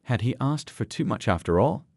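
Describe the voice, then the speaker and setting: Male narrator for a scripted story; low, lively delivery, dry close mic. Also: normal speed, dry recording.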